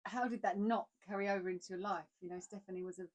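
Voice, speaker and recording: A talkative woman with an Essex accent chats casually about acting, her pitch sitting in a middle range. She tells animated stories and laughs often. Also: quick pace. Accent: Essex English. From Essex, England. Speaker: podcast co-host, actor. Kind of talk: casual chat.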